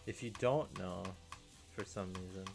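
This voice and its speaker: A young man chatting casually to camera in a deadpan, rambling way, often restarting his sentences. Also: low-pitched, measured pace, creaky. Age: young adult. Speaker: video creator. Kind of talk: casual solo chat.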